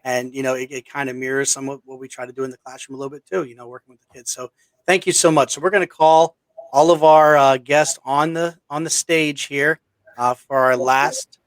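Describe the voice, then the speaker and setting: Host: a man with an even, flat delivery, dry close sound. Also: medium pitch, fairly quick, dry recording. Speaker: podcast host. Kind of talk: casual podcast hosting.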